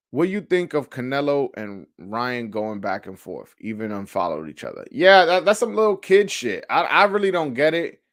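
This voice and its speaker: Answering live commenters on his sports call-in show, a man chats in a casual, slangy style with plenty of swearing. He tends to repeat phrases as he thinks aloud, and his mid-range voice is a bit bright.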